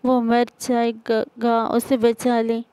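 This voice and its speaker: A woman's voice: fairly high pitch, steady tone, dark tone, dry recording, lightly acted. Woman voicing a stammering, sobbing young girl. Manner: stammering through tears. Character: young girl sobbing over her sick pet pigeon.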